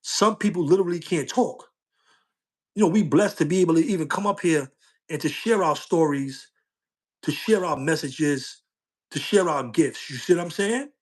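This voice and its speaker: A middle-aged male social media streamer talks casually to his livestream viewers in street slang, repeatedly saying "you know what I'm saying." His voice leans high with a breathy edge, at a moderate pace.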